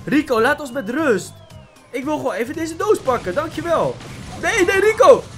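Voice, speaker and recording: Excitable male gaming YouTuber, very high and bouncy voice, faint game music underneath. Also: moderate pace. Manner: excitable, exclaims often, mixes in English slang. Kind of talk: excited gameplay commentary.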